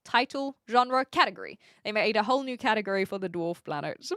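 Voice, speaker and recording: A woman in her twenties, with a mixed English-dialect accent touched by New Zealand, chats casually and playfully on a live stream, reading out comments and answering them with self-deprecating humour. Her mid-range voice is a bit bright, fairly quick, and lively in intonation. The recording is dry with clean studio sound.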